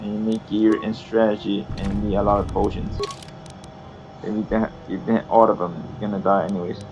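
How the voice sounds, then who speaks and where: Low-voiced man giving game advice over a call. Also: little pitch movement, fairly quick, lo-fi sound, background noise. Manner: advising, repetitive, hesitant. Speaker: friend on a voice call. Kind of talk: casual gaming chat.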